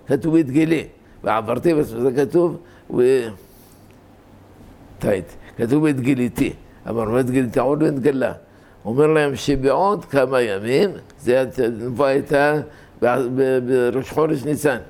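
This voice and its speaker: An older man with a gravelly, creaky voice teaches scripture grammar in an informal, scholarly way. He explains point by point, repeating words and correcting himself as he works through each idea. His voice sits at a middle pitch. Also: a little mellow. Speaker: religious teacher.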